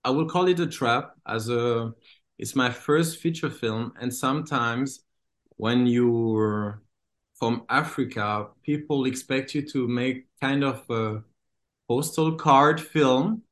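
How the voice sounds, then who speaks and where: A man's voice: mid-range voice, slow pace. Hesitant man from Congo. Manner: hesitant, many fillers and restarts. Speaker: filmmaker. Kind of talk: interview.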